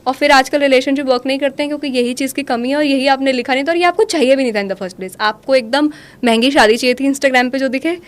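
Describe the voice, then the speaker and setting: A woman in her thirties talking in a podcast conversation, mixing Hindi with slow, deliberate English lines. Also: high-pitched. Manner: switches between Hindi and English, slows down for English lines. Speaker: guest, manifestation coach.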